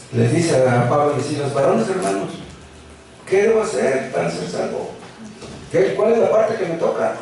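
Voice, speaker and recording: A male pastor preaches in a lively, swooping voice, pitched a little high for a man. He is picked up from some distance in a very roomy church, with faint ambience behind him. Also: slight background noise. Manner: preaching with rhetorical questions and acted quotes. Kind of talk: sermon. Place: church hall.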